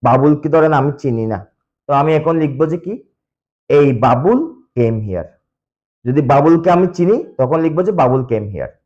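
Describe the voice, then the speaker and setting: A man's voice: a little high, lively intonation, quick pace, darkish tone, lo-fi sound. A man who speaks Bengali natively, teaching English grammar step by step and answering his own questions. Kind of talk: explaining grammar lesson.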